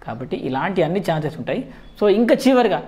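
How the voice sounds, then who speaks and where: Male advice host, Telangana accent, rapid informal explaining in Telugu-English mix. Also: sits high, sing-song, a little mellow. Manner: Telugu mixed with frequent English words. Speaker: job-exam advice video host. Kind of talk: informal explanatory commentary to viewers.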